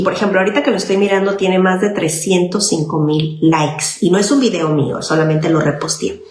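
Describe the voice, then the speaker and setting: A woman's voice: lowish voice, a little mellow. A woman child psychologist, explaining parenting in an informal talk and often checking in with "okay?". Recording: echoey room with faint noise.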